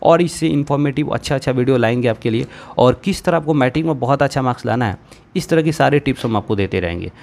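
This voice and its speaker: A man's voice: mid-range voice, expressive, fast, creaky. A young man teaching a grammar lesson, explaining patiently step by step and checking in often with his students.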